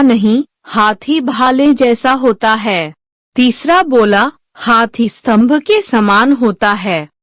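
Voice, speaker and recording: A woman giving slow, measured scripted narration of a religious teaching. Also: on the high side, no echo. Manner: slow, even, measured delivery.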